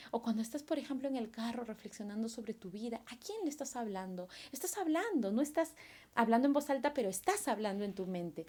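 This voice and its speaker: Animated woman teaching a class. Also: fairly high pitch. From Peru. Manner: animated, asks students questions and acts out their replies. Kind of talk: recorded remote class lesson.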